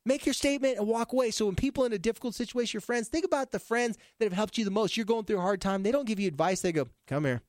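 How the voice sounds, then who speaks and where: A male therapist chatting casually, an animated storyteller who jumps between topics. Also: high-pitched, rapid-fire, hardly any pauses, no echo, studio quality. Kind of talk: casual podcast chat.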